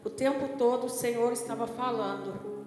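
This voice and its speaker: A woman's voice: fairly high pitch, fairly even intonation, moderate pace, a little mellow. A woman pastor with a Brazilian Portuguese accent, preaching a sermon in a conversational way and often checking in with the congregation. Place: church hall. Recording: echoey church hall with music. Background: music.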